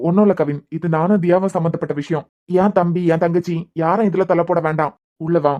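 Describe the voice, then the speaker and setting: A voice actor playing a young husband in a cartoon serial, with a Kanyakumari Tamil accent, pleading and trying to calm his wife. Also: mid-range voice, quick pace, highs cut off, natural voice. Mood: soothing, insistent. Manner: pleading, soothing, insistent.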